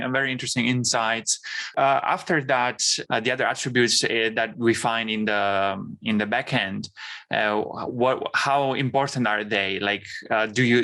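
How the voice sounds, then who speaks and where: A man hosting an interview, asking questions hesitantly with many pauses and restarts. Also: medium pitch, bright, forceful tone. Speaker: podcast host.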